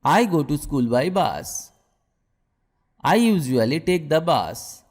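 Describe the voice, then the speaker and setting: Slow-drilling man, lively pitch. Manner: slow, each phrase said twice. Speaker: English teacher. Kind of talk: repeated phrase drills. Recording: long hall reverb.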